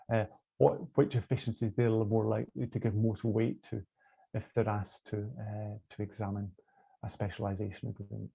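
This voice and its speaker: A Scottish man lectures over a video call, his voice gravelly and dark. He pauses often and restarts his sentences. The call audio sounds muffled and lo-fi. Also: fairly low pitch. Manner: hesitant, many fillers and restarts. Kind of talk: online law lecture.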